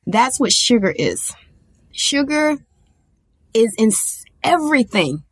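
A woman's voice: fairly high pitch, very animated, slow pace, husky, no echo. Emphatic woman giving a dry motivational talk. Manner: emphatic and preachy, acting out her own past thoughts; colloquial and conversational, addressing listeners directly. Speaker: motivational speaker on diet and sugar.

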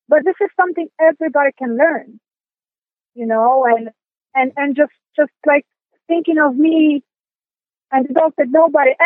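A woman from Poland with a Polish accent, answering interview questions in a high voice. She talks in halting bursts, full of restarts and fillers. She sounds dry and tinny, as if over a phone line. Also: no room sound. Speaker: guest, dog sport competitor. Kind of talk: interview conversation.

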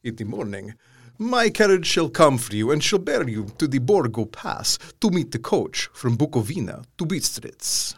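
A man playing a courteous yet menacing vampire count in an audio drama, commanding and mocking, with a slow, theatrical delivery and a husky voice. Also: medium pitch, sing-song, dry recording. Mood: smooth, courteous. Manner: slow, theatrical, stately, with sudden swells.

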